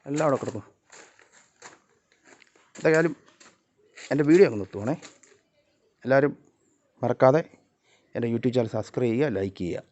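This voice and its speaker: A man's voice: mid-range voice, moderate pace, pauses often, muffled recording. A man, vlogging in casual talk as he coaxes and calls out to his cats outdoors at home. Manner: coaxing, calls out loudly to the cats.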